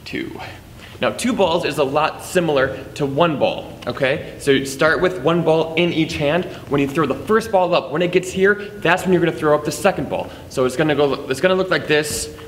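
Jokey young guy teaching juggling, kinda high voice, echoey room w long reverb. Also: moderate pace, slight background noise. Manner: playful, jokey teacher chatting to the viewer. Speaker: juggling instructor. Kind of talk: instructional video.

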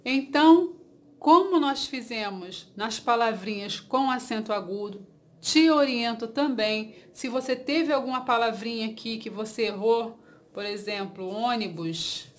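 A woman teacher with a Brazilian Portuguese accent, giving a dictation lesson and encouraging advice to her students. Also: on the high side. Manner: slow, deliberate dictation with repeated words; encouraging, reassuring tone.

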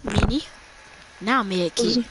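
A young man in a game who keeps telling others to calm down and stop taking loot. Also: high-pitched, measured pace. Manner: exasperated, urging others to calm down. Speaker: gamer. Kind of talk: gameplay chat. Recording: clear background noise.

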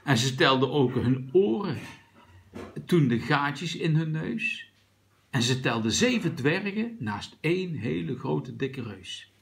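A man reads a rhyming children's book aloud to a young listener, pausing to point out things in the pictures. His voice is gravelly and unhurried, with a wide, lively melody. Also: on the high side. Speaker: reader of a children's story.

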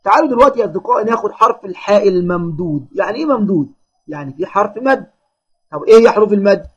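A man with an Egyptian accent teaching young children their letters, praising them and drawing out each syllable slowly. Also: sits high, lively intonation, slightly rough. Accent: Egyptian Arabic. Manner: encouraging, drawn-out syllable drills. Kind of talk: children's phonics lesson. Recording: dull lo-fi lesson audio.

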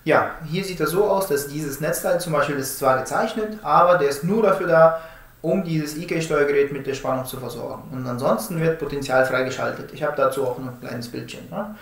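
With a voice on the high side and a brisk delivery, a man in his thirties gives a casual rundown of smart-home door products, tacking question tags onto his statements. The audio has roomy indoor echo.

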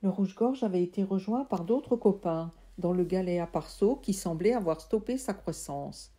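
Mellow woman reading a storybook aloud. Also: medium pitch. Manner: calm, measured narration. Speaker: reader. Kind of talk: reading a children's fantasy novel aloud.

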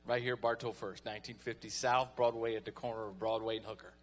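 A man's voice: fairly low pitch, flat delivery, fast. A man preaching a folksy, conversational sermon as pastor, calling on the congregation to respond.

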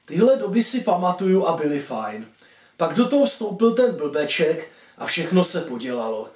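A man reads his own short story with lively, swinging pitch and a slightly high voice. He sits back from the microphone in an echoey room. He voices each caller as he goes. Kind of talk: dramatic story reading. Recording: echoey room, distant mic.

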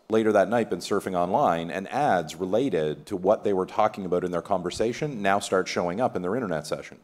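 A middle-aged man speaking on a conference panel in a relaxed, conversational way, polling the audience now and then. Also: low-pitched. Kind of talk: conference keynote panel talk. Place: conference hall stage, in front of an audience. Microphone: table mic on a stand.

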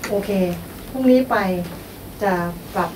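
A woman's voice: measured pace, distant mic, background noise. A woman coaching a teacher through a goal, guiding her with prompting questions. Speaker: workshop coach. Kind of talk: coaching dialogue.

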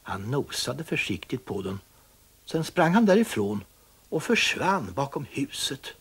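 Raspy male storyteller, very animated delivery, children's tale. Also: medium pitch. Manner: expressive, dramatic storytelling.

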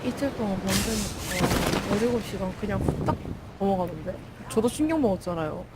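A woman's voice: mid-range voice, expressive, a little fast, very noisy. A young woman casually chatting while playing an online game, exclaiming and repeating herself.

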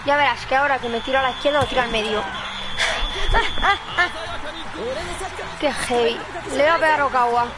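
A woman with a Spain Spanish accent doing casual, energetic, excitable commentary as a live game streamer. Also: high-pitched, rapid-fire, few pauses, loud music behind the voice, a loud crowd, rough recording.

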